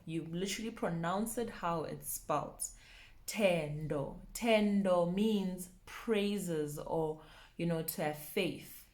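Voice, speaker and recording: A young woman leads a pronunciation lesson, speaking slowly. She says each word with care, repeats it, and laughs often as she goes. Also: fairly low pitch, a little mellow. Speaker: language teacher.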